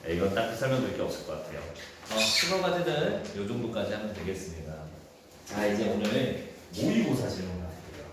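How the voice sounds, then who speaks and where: A man teaching a high school Korean class, talking casually through exam questions and thinking aloud. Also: sing-song, brisk. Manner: casual, thinks aloud, acts out quoted dialogue in a raised voice. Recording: echoey room with faint noise.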